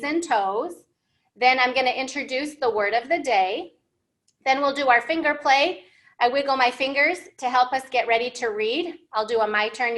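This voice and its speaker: In an indoor library room, a woman sits at a whiteboard hosting storytime for young children learning English. She's American, in her thirties, with a high, slightly bright voice, and she speaks in simple, encouraging, teacherly phrases while asking questions.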